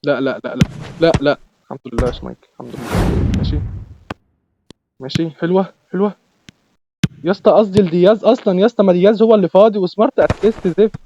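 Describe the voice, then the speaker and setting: A young man with an Egyptian accent commentating his own football video game matches, excitable and repeating words in bursts. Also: high-pitched, fast talker, long pauses, lo-fi sound, noisy background. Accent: Egyptian Arabic. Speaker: gaming YouTuber. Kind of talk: live gameplay commentary.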